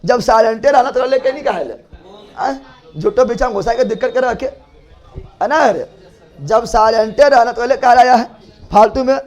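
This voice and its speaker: A man teaches a class, speaking in a very high voice. He repeats each key word again and again and quizzes his students in loud call-and-response. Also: normal speed, pauses often. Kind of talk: classroom lecture.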